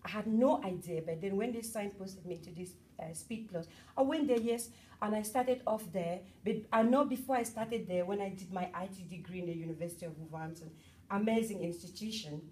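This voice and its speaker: A bubbly middle-aged woman from Cameroon giving a lively talk at an event and chatting with the audience. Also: mid-range voice, a little fast, distant mic. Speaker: motivational speaker.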